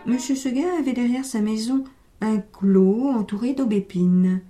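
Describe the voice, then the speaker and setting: A woman telling a story aloud in a gentle, measured, expressive reading. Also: a little high, faint music behind.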